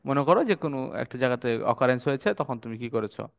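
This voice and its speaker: A man teaches vocabulary in an online session. He spells words out slowly letter by letter and keeps asking his students what they mean. His voice sits at an ordinary middle pitch. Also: animated, vocal fry. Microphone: online session, computer mic.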